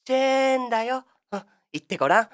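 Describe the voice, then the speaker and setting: A woman's voice: on the high side, expressive, quick pace, fairly bright tone. Woman as a sing-song kids'-show big brother. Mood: cheery. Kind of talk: comic monologue.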